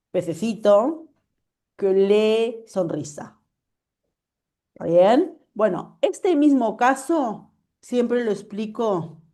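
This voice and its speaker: Lady teacher on a video call, warm mellow voice, keeps asking if everyone follows. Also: mid-range voice. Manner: patient, checks understanding often. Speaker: French teacher. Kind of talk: online class explanation.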